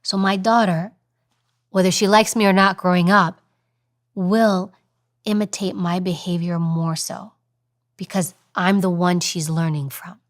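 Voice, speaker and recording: A woman in her thirties, a podcast guest, talking with animated storytelling. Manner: animated storytelling, acts out high fast voices. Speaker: guest, former agent and news presenter. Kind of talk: interview conversation.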